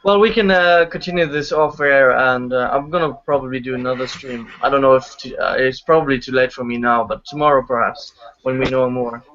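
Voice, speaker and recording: A man hosting a livestream, giving a halting, hesitant news update over a muffled call line that makes him sound underwater. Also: medium pitch, fairly bright tone. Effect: muffled, underwater-sounding online call audio. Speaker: stream host. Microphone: remote voice call.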